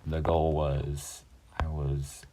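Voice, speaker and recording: A man's voice: extremely low pitch, completely flat delivery, extremely slow, heavy background noise. A man giving laid-back commentary over his own strategy game, narrating each move and chuckling at himself. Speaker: gaming youtuber. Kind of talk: casual gameplay commentary.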